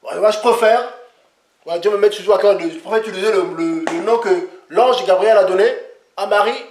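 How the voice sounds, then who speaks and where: A man giving an informal, rambling sermon, repeating himself with animated asides. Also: high-pitched, fairly quick, reverberant. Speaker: preacher.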